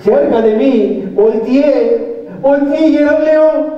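A man's voice: very high-pitched, slow pace. An actor playing a forgetful, sleepy old man, who keeps losing his thread in a comedy sketch. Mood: drowsy rambling. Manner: trails off and loses his thread. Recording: distant, dull, very echoey room.

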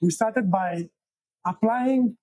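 A man in his thirties from Belgium, a guest founder talking in a casual interview, halting with many restarts, on a lapel mic in a small room. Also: high-pitched, a little mellow, no echo, poor audio. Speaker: guest, software engineer and founder. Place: small wood-paneled room, indoors.

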